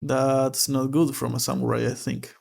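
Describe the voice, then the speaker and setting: A man's voice: mid-range voice, flat delivery, moderate pace, creaky, darkish tone, husky. A man reading a manga aloud and commenting on it in a casual, hesitant way, often repeating words as he thinks.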